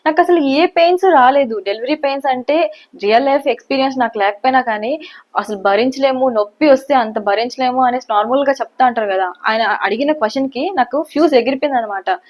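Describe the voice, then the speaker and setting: A woman's voice: sits high, fast. A young woman vlogger casually telling a personal story in a chatty, rambling way. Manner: chatty, rambling, repeats "anamaata" often. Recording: dull lo-fi sound.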